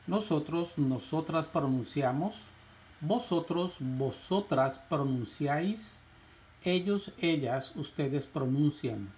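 A man teaching a lesson, reciting verb conjugations in a slow, measured drill with rising lists. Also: fairly high pitch, darkish tone, a little hiss or hum. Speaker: Spanish teacher.

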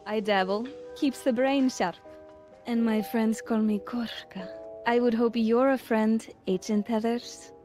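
A woman voicing a sly, imperious mystery informant in a cartoon game, arch and deliberate. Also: on the high side, fairly even intonation, a little mellow, soft background music, close to an everyday voice. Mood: coy. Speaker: character in a puzzle video game.

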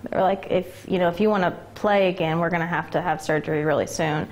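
Interviewed in an indoor gym locker room, this young woman in her twenties, once a college basketball player, talks candidly and emotionally, with plenty of "like" and "um." Her voice is lowish and steady, and she speaks at a quick pace.

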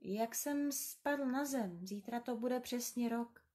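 A woman reading as a gentle little prince. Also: a little high, close to an everyday voice. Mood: quiet earnest.

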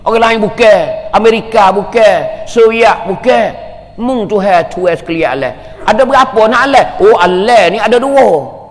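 Brief: man, preacher giving an emphatic, repetitive sermon, high-pitched, long hall reverb. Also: animated, normal speed. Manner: emphatic, repetitive, rhetorical questions. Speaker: religious teacher.

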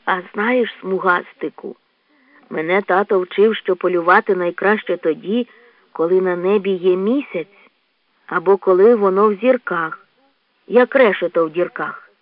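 Gentle, timid raccoon for a children's audiobook, voiced by a woman; low, soft and slow, dry tinny sound. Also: dry recording, close to an everyday voice.

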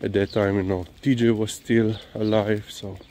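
Out on a walk, this Slovenian-accented man, a vlogger and dog owner, rambles casually and hesitantly, filling gaps with frequent "you know"s. He has a lowish, mellow voice with little pitch movement. Noisy outdoor sound and passing vehicles come through clearly.

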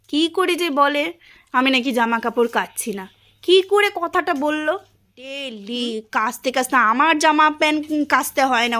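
A woman's voice: high voice, bright, forceful tone. A middle-aged woman from West Bengal, India, vlogging at home in a casual domestic style and venting her complaints at length in an aggrieved tone. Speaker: vlogger and housewife.

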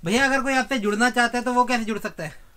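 A man's voice: extremely high pitch, fast talker, pushed and bright. A young man hosting a shopping vlog, asking questions and hyping cheap deals to viewers. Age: young adult. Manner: upbeat, plugs deals to viewers. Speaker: vlog host. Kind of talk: promotional interview. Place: cramped indoor bag shop.

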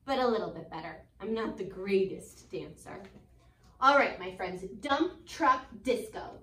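A twenty-something American elementary school teacher reads a picture book aloud to children, adding expressive, chatty asides and questioning her young listeners. Her mid-range voice is animated, expressive and deliberate. A phone camera a few feet away catches her in a roomy indoor classroom.

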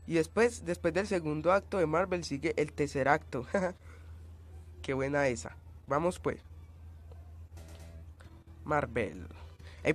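A man giving gameplay commentary, coughing and sounding changed by a cold, yelping and screaming at in-game hazards. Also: a little high. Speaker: let's play gamer.

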